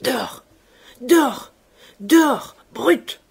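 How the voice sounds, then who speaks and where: A woman voicing a shaken widower who stammers and shouts in shock. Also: medium pitch, lively intonation, slow pace, slightly rough, heavily acted. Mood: enraged. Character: trembling, enraged middle-aged widower father.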